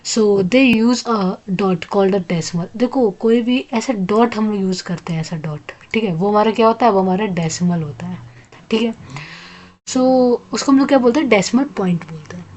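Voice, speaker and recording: Indian woman teaching maths, slow then quick. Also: medium pitch, a little mellow. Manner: slow when reading English lines, then quick explaining in Hindi; often asks and answers her own questions. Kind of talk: classroom lesson mixing Hindi and English.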